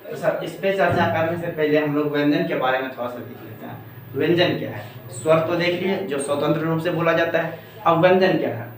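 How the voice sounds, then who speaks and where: A man's voice: fairly high pitch, brisk, slight background noise. A man teaching a Hindi grammar lesson, from Bihar, asking questions and answering them himself, again and again. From Bihar, India. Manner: repetitive call-and-response questioning. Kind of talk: classroom-style lesson. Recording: very echoey room, mic far off.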